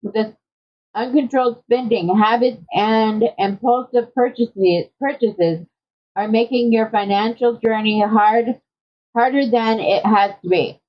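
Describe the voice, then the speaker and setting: A woman reading tarot cards for her viewers in a casual, conversational way, often checking in with a quick "okay?". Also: a little high. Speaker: tarot card reader. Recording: dull lo-fi audio.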